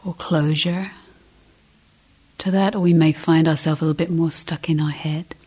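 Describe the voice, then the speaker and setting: A woman with a low, husky voice and fairly even intonation leads a guided meditation as a teacher. Her delivery is soft and breathy, built from short measured phrases and long pauses, often approaching a whisper.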